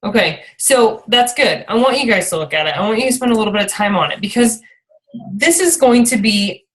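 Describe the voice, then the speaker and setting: A woman who leads and coaches a team hosts an informal motivational training call, speaking at a medium pitch, expressively and a little fast. She rambles a bit and frequently checks in with listeners while encouraging them, and the audio quality is poor.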